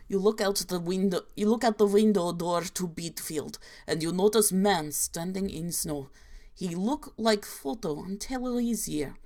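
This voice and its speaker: With a mid-range voice, a woman deadpans her way through parody horror stories using a mock Russian accent that isn't accurate, clipping her grammar and leaving out articles.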